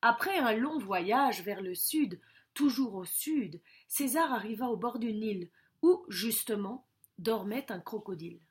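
A woman reading a children's picture book aloud, her voice a little high and full of expression. She slows down and softens for the quiet moments, in a gentle audiobook reading. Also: a little hiss or hum. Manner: slow, expressive storytelling with soft drops. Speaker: storyteller.

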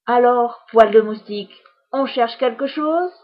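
Cast a woman as a spiteful, grandiose witch who hurls insults with theatrical relish. The voice sits high and a little husky, slow and deliberate. Recorded with a slightly dull sound. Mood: furious. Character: boastful furious female witch, grandiose and spiteful. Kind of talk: storybook reading.

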